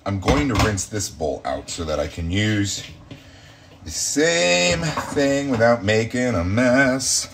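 A man's voice: lowish voice, big pitch swings, slow pace, vocal fry, noisy background. A man hosting a casual cooking demonstration from his home kitchen, chatty and campy, cracking self-mocking jokes as he works. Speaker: home cooking show host.

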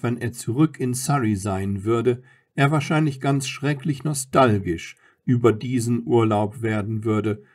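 A man narrating a novel as an audiobook in a calm, measured reading. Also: mid-range voice. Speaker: audiobook reader. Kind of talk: scripted narration.

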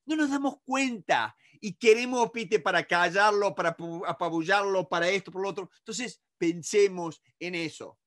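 A man's voice: sits high, moderate pace, few pauses, fairly bright tone. A man with a Rioplatense Spanish accent giving a negotiation masterclass, emphatic and repetitive, talking straight to his audience. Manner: acts out others in quoted asides. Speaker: negotiation instructor. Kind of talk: recorded masterclass lecture.

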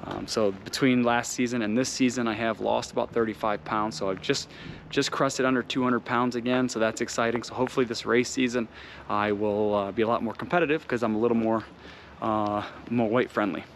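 A man's voice: mid-range voice, fairly even intonation, brisk. A man giving a casual vlog update, rambling with many ums and uhs, recorded outdoors and then in his truck. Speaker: vlogger. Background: outdoor noise, rain.

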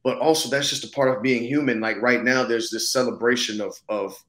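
Speaking fairly quickly in a steady, mid-range, fairly bright voice, a thirty-something actor gives a conversational interview via video call from an indoor room. Seated close to the camera, he's thoughtful and casual, often dropping in "you know what I'm saying."

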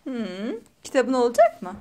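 A woman's voice: a little high, huge pitch swings, moderate pace, dark tone, slight background noise. A young mother chatting playfully with her toddler, asking teasing, sing-song questions for a family vlog.

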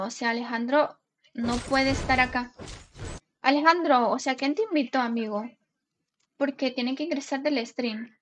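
Una mujer joven que transmite en directo un juego, charlando de forma juguetona y leyendo en voz alta los nombres de su chat. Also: female voice, high-pitched, fairly bright tone, a little hiss or hum. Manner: chatty, playful, greets viewers and reads chat names aloud. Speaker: gaming live streamer. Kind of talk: casual live stream chat.

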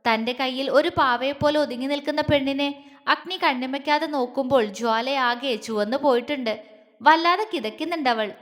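A woman reads a romantic audio story aloud in a soft, steady storytelling manner. Her voice sits high for a woman. A long reverb rings after her words, as in a big hall. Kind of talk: scripted romantic story narration.

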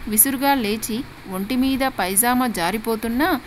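A woman narrating a dramatic family story in a steady, expressive storyteller's manner. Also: on the high side, normal speed, slight background noise.

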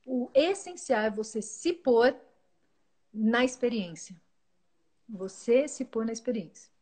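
Earnest woman, slightly high voice. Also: slow pace. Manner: calm and earnest, often restarting words mid-phrase. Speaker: guest speaker. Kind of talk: reflective spiritual talk.

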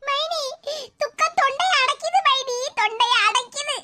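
A woman's voice: very high-pitched, soft background music, heavily acted. A woman doing a sobbing young wife on the phone. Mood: sobbing, pleading. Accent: Tirunelveli Tamil. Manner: sobbing, drawn-out pleading. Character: tearful young wife phoning with bad news. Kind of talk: cartoon voice acting. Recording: loud background noise.

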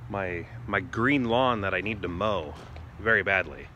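A man's voice: sits low, a little slow, sharp tone. Musing middle-aged man, noisy outdoors. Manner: musing, tentative, trailing off mid-thought. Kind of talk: casual vlog narration of watching the sky. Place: outdoors in a residential backyard. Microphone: phone held at arm's length. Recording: clear outdoor ambient noise.

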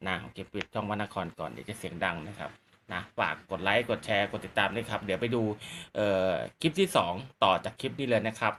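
A man's voice: lowish voice, expressive, fast talker, fairly bright tone, slight background noise. A man hosting a casual gadget demonstration, explaining politely with repetitive phrasing. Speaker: YouTube channel host.

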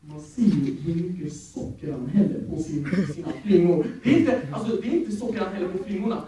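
Young guy doing standup, acts out all the voices, far off mic, big echo, crowd laughing. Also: high-pitched. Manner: animated, acting out quoted people in many voices. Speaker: stand-up comedian. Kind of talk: stand-up storytelling. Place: stage before a live audience. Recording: echoey room from far off, audience laughing.

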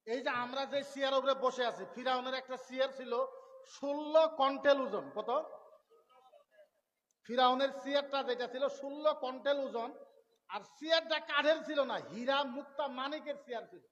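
A man's voice: very high-pitched, a bit bright, long reverb tail, highs cut off. A male preacher telling a story in a sermon, repeating phrases and firing rhetorical questions at the crowd.

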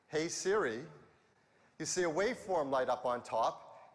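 An enthusiastic middle-aged man presents a product keynote from a big arena stage, his voice sitting a little high for a man. A headset mic carries it into a hall with a long, lingering reverb. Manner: enthusiastic, walks the stage gesturing. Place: large arena stage before a big audience.

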